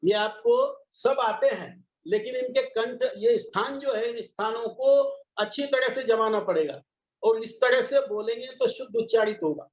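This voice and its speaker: A man teaching a patient pronunciation lesson, sounding out each syllable slowly. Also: very high voice. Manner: slow, patient, demonstrates each sound aloud. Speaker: Sanskrit teacher. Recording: echoey, slightly dull recording.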